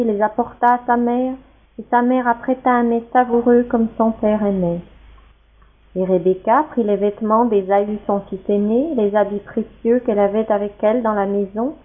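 A woman reads scripture aloud in a steady, measured way, with a somewhat high voice. The sound is thin and narrow, like a phone line. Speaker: scripture reader. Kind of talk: scripture reading.

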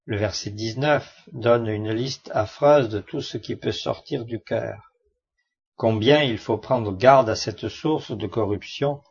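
A man reading a devotional Bible study commentary aloud in a measured, earnest way. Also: mid-range voice, a little mellow. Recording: muffled lo-fi recording.

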